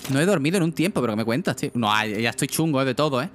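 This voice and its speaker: Over soft background music, a young man streams his gameplay with rapid-fire, casual commentary in a mid-range voice with lively intonation. He is chatty, swears, and keeps asking chat what to do.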